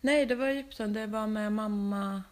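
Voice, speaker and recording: A young woman telling lively travel stories in casual chat, mixing in English phrases and laughing often. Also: medium pitch.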